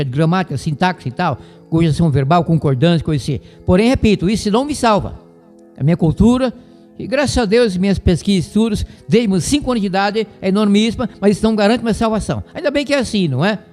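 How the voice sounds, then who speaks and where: A high-voiced Brazilian man gives a Bible lesson over the radio, lecturing in a didactic, rambling way and repeating his points. His voice carries a long hall reverb, with faint music underneath. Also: expressive, fast, darkish tone. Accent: Brazilian Portuguese. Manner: didactic, digressive, repeats himself.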